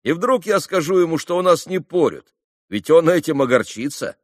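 A man's voice: fairly high pitch, expressive, normal speed, no room sound, studio quality, voice pushed up. A man voicing a cocky, clever schoolboy who teases and questions people sternly, in a storybook reading.

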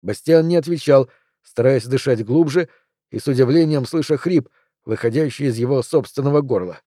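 A man reading a novel aloud in measured, even narration. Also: mid-range voice, no room sound, clean studio sound. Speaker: audiobook reader. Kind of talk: scripted narration.

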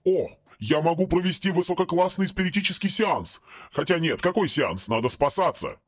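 A man's voice: a little high, lively intonation, normal speed, no echo, studio quality. A man reading an audiobook and voicing an exasperated, sarcastic male investigator who scolds everyone around him. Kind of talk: audiobook character voice.

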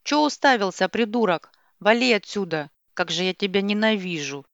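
A furious young mother screams her grievances in a loud, sharp voice, voiced by a woman reading a story aloud. She is spiteful and relentless. The recording is dull and dry, with no room sound. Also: mid-range voice, moderate pace, dry recording, natural voice. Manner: screaming insults.

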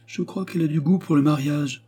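A man's voice: on the high side, steady tone, brisk, mellow, voice pushed up, close to an everyday voice. A man voicing an insistent, scheming mother. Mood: insinuating. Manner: insinuating, then stern. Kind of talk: audiobook character reading.

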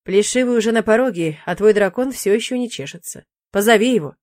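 A woman's voice: medium pitch, a little fast, darkish tone, dry recording, studio quality, close to an everyday voice. A woman voicing a playful, teasing young male demon in an audiobook, in a cheeky, bantering manner.

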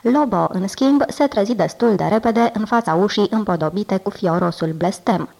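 Woman, audiobook narration, deliberate expressive reading, mid-pitched voice. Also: creaky. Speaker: audiobook reader. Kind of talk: scripted literary narration.

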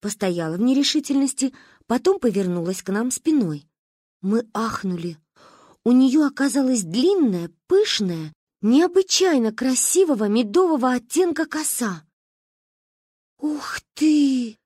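A woman narrates a children's story with an expressive, animated delivery. Her voice is a little husky and sits in the middle of the female range. The recording is close and dry, with no room sound. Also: fairly high pitch, moderate pace, no echo. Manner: lively, expressive reading. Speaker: audiobook reader.

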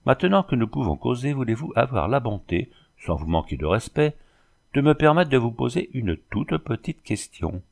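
A man's voice: mid-range voice, very animated, normal speed, vocal fry, a little mellow. A man doing a chatty, over-polite old soldier. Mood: puzzled. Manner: chatty, overly polite, exclamatory. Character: talkative, deferential former cavalryman, blustering. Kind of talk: audiobook character voice.

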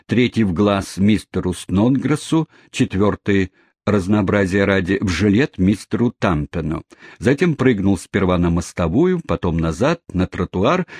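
A man narrating a novel as an audiobook, telling the story in an expressive, lively way. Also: on the low side, no echo, studio quality.

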